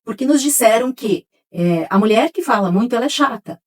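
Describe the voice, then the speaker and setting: A woman's voice: fairly high pitch, animated, fairly quick, darkish tone, breathy edge. A woman, co-hosting a casual podcast chat and thinking aloud as she talks. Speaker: podcast co-host.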